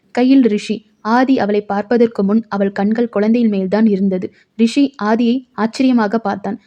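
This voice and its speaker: Woman narrating an emotional audio novel. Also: fairly high pitch. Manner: emotional, measured storytelling. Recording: dull lo-fi recording.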